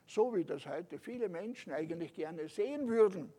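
A man preaching a sermon, emphatic, slowing on stressed phrases and dropping soft at the ends, turning to listeners with rhetorical asides. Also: high-pitched, animated, slightly rough.

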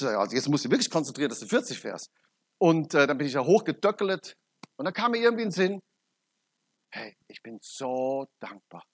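A middle-aged man giving an emphatic testimony sermon, swinging between loud urgent peaks and quiet low asides. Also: slightly rough. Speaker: preacher.

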